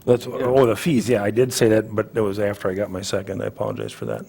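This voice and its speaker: Husky low guy on the city council, offhand, talks quick. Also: a little mellow. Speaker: council member. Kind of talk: speaking at a council meeting. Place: council chamber.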